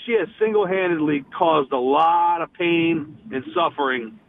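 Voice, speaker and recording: Brief: fired-up male sports radio guest, tinny phone-line sound, slightly high voice. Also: measured pace, slight background noise. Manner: impassioned, frustrated, many restarts.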